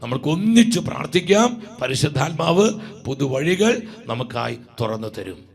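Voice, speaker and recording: A man with a Malayali accent preaching a sermon, slow and drawn out, with emphatic repetitions. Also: fairly high pitch, big pitch swings, vocal fry.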